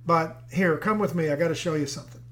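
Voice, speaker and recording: An oblivious young husband insists, earnestly and a little too eagerly, that his household chores do themselves, as a man plays him. He sounds sincere and a bit higher than the storyteller's normal voice. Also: fast talker, a bit bright, natural voice.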